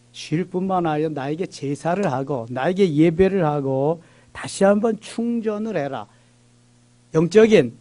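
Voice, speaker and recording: A man's voice: fairly high pitch, warm tone. A man preaching a Korean church midweek sermon, reading scripture aloud and driving points home with emphatic repetition. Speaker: pastor. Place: church sanctuary.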